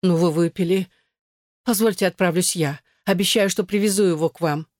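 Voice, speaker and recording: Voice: medium pitch, moderate pace, darkish tone, dry recording, clean studio sound, lightly acted. A reader of an audiobook voicing a timid, devoted young woman who speaks hesitantly. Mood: anxious.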